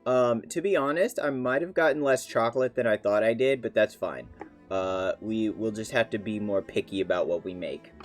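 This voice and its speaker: A man's voice: lowish voice, normal speed, faint music behind. A man chatting casually on a live stream, playful and rambling, with many fillers.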